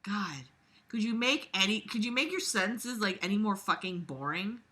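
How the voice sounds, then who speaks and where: A woman with a medium-pitched, expressive voice that sounds pushed and bright reads a book aloud theatrically at normal speed. She is an online reader reacting to it, breaking off into exasperated, sweary, sarcastic asides with an exaggerated delivery.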